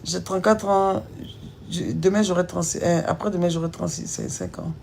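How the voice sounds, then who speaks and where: A woman's voice: lowish voice, fairly even intonation, a little fast, vocal fry, a little mellow, a little hiss or hum. A woman in her thirties from Ivory Coast with an Ivorian French accent, chatting casually on a live stream in an emphatic, teasing way and firing rhetorical questions at her viewers. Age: 30s.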